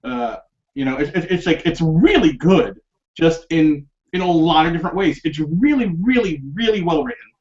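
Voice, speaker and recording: A man with a somewhat raised pitch chats loosely about a film on a podcast. He rambles through fillers and restarts, and the recording sounds muffled and lo-fi. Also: expressive, moderate pace, a little mellow. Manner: rambling, many fillers and restarts, laughs often. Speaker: podcast host. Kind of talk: casual film discussion.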